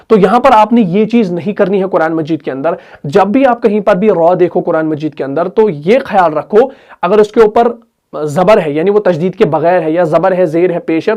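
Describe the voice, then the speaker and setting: A man, teaching a recitation class, explaining slowly and asking and answering his own questions. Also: sits high, darkish tone. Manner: recites Quranic verses in drawn-out chant. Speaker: tajweed teacher. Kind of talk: online Quran recitation lesson.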